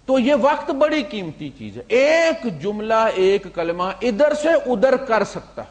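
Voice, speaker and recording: Very animated and high-voiced, this man is an Islamic preacher telling stories in a sermon. He swings from loud, emphatic moments to quiet asides, dropping English words along the way.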